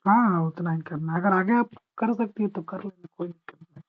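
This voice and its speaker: Patient man teaching a chemistry lesson. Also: sits high. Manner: patient, repetitive explaining, reads English definitions slowly; addresses students directly, asks if they understood. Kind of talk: revision class lecture. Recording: dull lo-fi recording.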